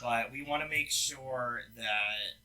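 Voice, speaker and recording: A man's voice: medium pitch, takes it slowly, pushed and bright, a little hiss or hum, low-quality recording. A young man, co-owner of a gaming lounge, talking casually about business plans, with loose chatty phrasing full of fillers and restarts. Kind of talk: casual business update chat.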